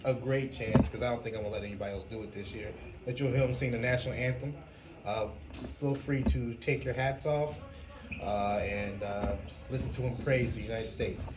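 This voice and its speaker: A man hosts a relaxed podcast and keeps things moving with teasing jokes. His voice rings in an echoey room with clear background noise. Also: mid-range voice. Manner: teasing, hosting banter. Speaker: podcast host. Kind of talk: casual chat.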